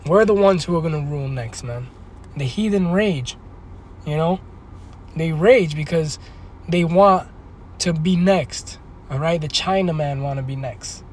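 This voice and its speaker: A man giving a casual scripture read-through, emphatic and full of "all right?" and "man", reading the verses slowly and forcefully. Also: fairly high pitch, slight background noise. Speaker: bible teacher.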